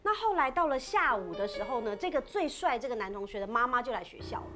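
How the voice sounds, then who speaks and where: A woman casually telling a ghost story on a podcast, chatty and animated, with many filler particles. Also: fairly high pitch, fast. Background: background music.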